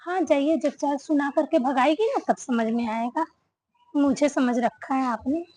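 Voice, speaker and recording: A woman acting an elder daughter-in-law who answers back her mother-in-law with sharp complaints in a family drama. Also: sits high, unhurried, no room sound, rough recording. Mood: indignant. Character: elder daughter-in-law, married ten years, fed up.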